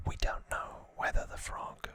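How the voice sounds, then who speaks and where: Quiet and breathy, this unvoiced whisper belongs to an ASMR host recapping content. The pace is unhurried and the style casual and explanatory, with the soft whisper never breaking.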